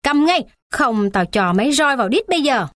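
A woman's voice: sits high, lively intonation, normal speed, fairly bright tone, no echo, studio quality, voice pushed up. A woman doing a curt, scornful father. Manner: curt, scolding. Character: harsh, scornful middle-aged father.

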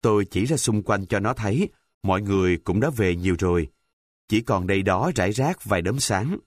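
Low-voiced man reading a story calmly. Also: no room sound. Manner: calm, measured, descriptive reading. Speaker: narrator. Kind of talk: scripted story narration.

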